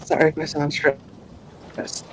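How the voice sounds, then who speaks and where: A man on a bad online call connection, introducing his tabletop character in a halting, apologetic way. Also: a little high, completely flat delivery, a bit bright, a little hiss or hum, poor audio. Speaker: player.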